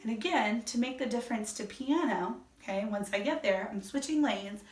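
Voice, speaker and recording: A woman's voice: on the high side, moderate pace, music in the background. A woman orchestra teacher giving a violin lesson, explaining step by step and counting beats aloud. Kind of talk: instrument lesson. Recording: echoey room, mic at a distance, violin playing.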